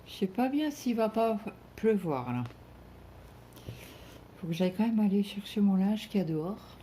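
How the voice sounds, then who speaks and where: A woman's voice: medium pitch, lively intonation, normal speed, warm tone, a little hiss or hum. A middle-aged woman chatting casually at home as she stitches along with her viewers, thinking aloud and trailing off now and then. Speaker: cross-stitch vlogger.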